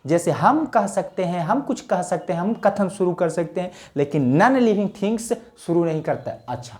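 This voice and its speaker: A Bihari-accented English grammar teacher delivers a relaxed lesson to camera in a high, animated voice with a darkish tone and moderate pace. Joking and chatty, he refers to viewers as "sir" and answers the questions he raises.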